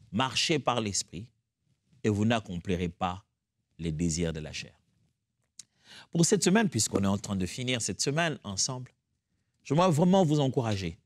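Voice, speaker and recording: A man's voice: medium pitch, no echo. Male Bible teacher, earnest and exhorting, dry close recording. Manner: earnest, exhorting, rising to fervent prayer.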